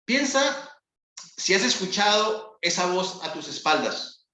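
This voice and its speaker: Slow, bright-voiced preaching man. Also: sits high, sing-song, echoey room. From Colombia. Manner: slow, solemn, with long pauses. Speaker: pastor. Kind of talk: sermon.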